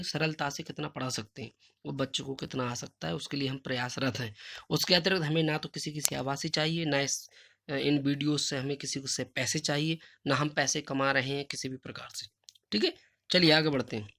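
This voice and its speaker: A man teaching a Sanskrit lesson, reading questions slowly and emphatically, then explaining them in casual Hindi. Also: a little high, bright, forceful tone. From India. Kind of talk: recorded classroom lesson.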